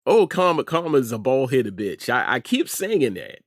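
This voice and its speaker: Very animated and speaking at a moderate pace, this medium-pitched middle-aged American man hosts an online news commentary show. His informal opinion commentary is emphatic, with phrases repeated for effect, in a dry, clean studio recording.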